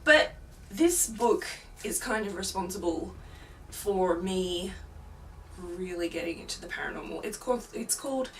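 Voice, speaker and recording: A woman's voice: mid-range voice, animated, a little slow. A young woman chatting casually and rambling in a home vlog, with lots of fillers. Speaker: paranormal YouTuber. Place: home, with a film playing in the next room. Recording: distant mic, faint background noise. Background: faint noise of a film playing in another room.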